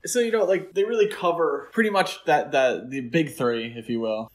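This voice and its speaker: A podcast co-host chats about films in an easygoing, jokey, conversational way. His voice is on the high side, and he speaks at a normal speed.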